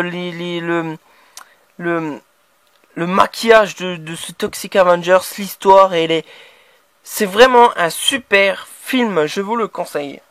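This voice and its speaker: A man with a French accent talks through his horror DVD purchases in a casual, rambling way, full of restarts and fillers. His voice sits high for a man. The recording is dry and close, with no room echo. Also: a bit bright. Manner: hesitant, many restarts and fillers, enthusiastic. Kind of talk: casual unboxing chat.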